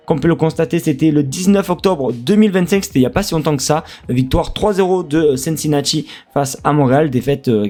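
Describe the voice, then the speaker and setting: A man's voice: fairly high pitch, darkish tone. A man from France with a French accent, casually previewing a football match as a streamer, chatty and hesitant with many fillers.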